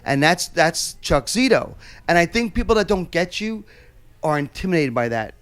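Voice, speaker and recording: A man hosts a casual interview chat in a nightclub, talking bluntly and profanely and stumbling over repeated words with stammering restarts. His voice sits on the high side, sing-song, a little bright and smooth, at a normal speed.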